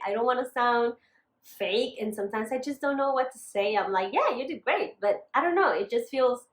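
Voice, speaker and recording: In this casual makeup vlog, a young beauty vlogger with a northern Mexican accent chats openly to camera, apologizing in asides. Her voice is a little high and fairly bright, and the room is echoey.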